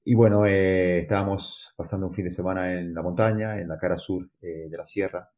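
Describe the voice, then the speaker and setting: A very low, dark-toned man speaking Spanish with an accent from Granada that has picked up an Argentine lilt. He rambles through a story in an interview, restarting often and swinging between loud bursts and quiet trailing-off, and the recording sounds a bit dull and muffled. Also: steady tone, a little fast. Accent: Spanish from Granada with a slight Argentine mix. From Spain. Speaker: mountain runner and mountaineer.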